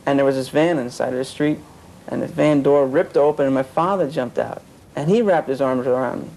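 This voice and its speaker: A man's voice: medium pitch, a little fast, darkish tone, a little hiss or hum, rough recording. A man telling an earnest personal story about his past, often quoting what others said. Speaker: interviewee. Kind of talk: personal account of cult experience.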